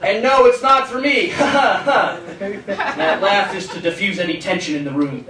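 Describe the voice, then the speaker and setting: Young guy doing standup, high voice, awkward self-deprecating stories, kinda far off and echoey in a club. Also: a little slow. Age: eighteen. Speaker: stand-up comic. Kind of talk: stand-up comedy routine. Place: small comedy club stage, indoors. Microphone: handheld stage microphone, recorded from the audience. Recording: roomy club sound, distant, some noise.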